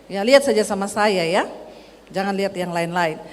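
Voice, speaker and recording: A woman from Sulawesi preaching a sermon as pastor, telling animated stories from her own marriage. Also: mid-range voice, normal speed. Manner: animated storytelling, acts out quarrels with her husband. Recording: long hall reverb.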